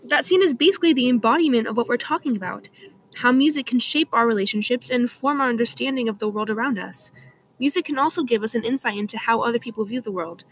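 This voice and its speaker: Young woman, talk show host, high-pitched, upbeat, reads a bit stiffly, scripted. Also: fast, a little hiss or hum.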